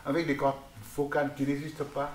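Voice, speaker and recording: A man's voice: fairly high pitch, monotone, brisk. Man lecturing in a roomy hall. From Vietnam. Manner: rambling, often asks "n'est-ce pas?". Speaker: guest musician and voice researcher. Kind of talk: lecture with vocal demonstrations. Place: artist's workshop, indoors. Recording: roomy hall with faint noise.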